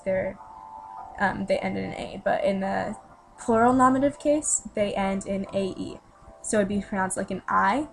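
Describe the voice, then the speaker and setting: A teenage girl with a mid-range voice gives a casual voice-over lesson, chatty and explaining things step by step with fillers. The audio is poor, and music plays behind her.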